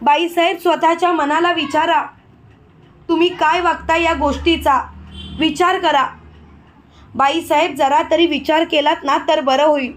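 An outspoken young wife who stands up to her elders with polite but firm words. A woman reads her in a high, plain voice. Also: steady tone, unhurried. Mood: confronting. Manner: confronting, respectful address. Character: clever, outspoken young daughter-in-law.

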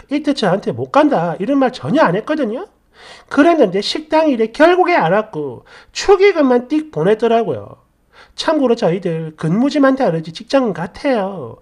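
Indignant woman telling a story, lively pitch. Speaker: narrator of a reader's story. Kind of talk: first-person story narration.

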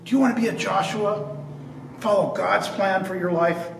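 A man's voice: high-pitched, fairly even intonation, moderate pace, vocal fry, a little hiss or hum. An older man preaching a sermon at a church pulpit, earnest and repetitive, stressing each point. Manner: earnest preaching with repeated phrases and restarts. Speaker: pastor. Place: church sanctuary in front of a stained glass cross. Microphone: far camera at a pulpit. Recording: echoey church heard from a distance.

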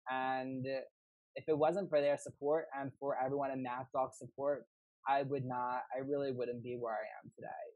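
A man's voice: mid-range voice, level tone, normal speed, no room sound, phone-quality sound. A young man from New York, a spinning instructor, telling his story eagerly and rambling on a home video call. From New York, USA. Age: young adult. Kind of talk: casual video call interview.

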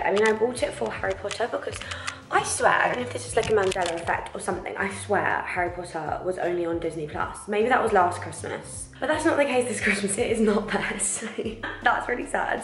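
Chatty young woman vlogging. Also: mid-range voice. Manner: chatty, gushing, quick asides. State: hoarse, lost voice. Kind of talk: casual vlog chat.

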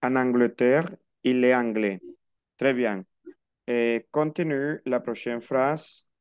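A man teaching French over a video call, explaining each rule slowly and patiently and repeating it. His voice is smooth and clear. The sound is close and dry, with no room around it. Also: medium pitch, steady tone, no room sound. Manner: patient, repeats and spells out rules. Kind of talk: online class explaining French in Spanish.

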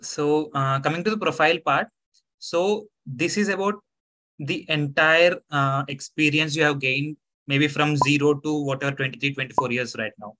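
A man in his twenties with an Indian accent gives informal advice over a video call, explaining step by step in a halting, methodical way. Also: fairly high pitch, sharp tone, rough recording. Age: 20s. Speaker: student mentor sharing interview experience.

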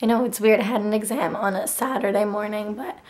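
A young adult woman with a nearly lost, raspy whispery voice and dry throat, chatting casually to a handheld camera in a bedroom. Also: medium pitch, steady tone, a little fast, darkish tone. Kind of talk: casual vlog chat. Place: bedroom, indoors. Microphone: handheld camera at arm's length.

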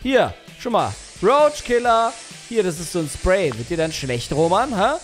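A young man doing let's play commentary, teasing and excitable as he plays. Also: high voice, a little slow, music in the background. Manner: excitable, teasing, shrieks and laughs at his game. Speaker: gaming YouTuber.

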